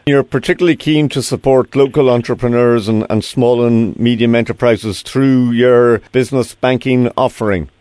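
A man's voice: medium pitch, fairly even intonation, normal speed, few pauses, a little mellow, dry recording. An Irish man hosting a business interview on the radio. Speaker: radio business show host.

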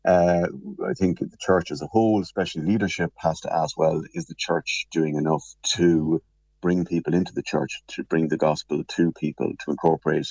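With a bass voice, fairly even intonation and a darkish tone, a man offers careful, hesitant commentary as a radio guest. He's in his office on a remote link that sounds husky, the room muffled and echoey, and an alarm beeps behind his measured explanations.

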